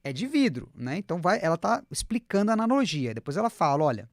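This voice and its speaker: A man teaching an online English lesson, chatty and encouraging, whose first language is Portuguese. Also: high-pitched. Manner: lively, chatty, repeats words slowly for students to copy.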